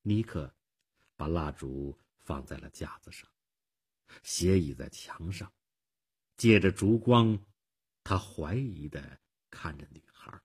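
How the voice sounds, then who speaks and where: A man narrating a story for radio in an expressive, acted-out style. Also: sits low, slow pace, pauses often, slightly rough. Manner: expressive, acts out the scenes.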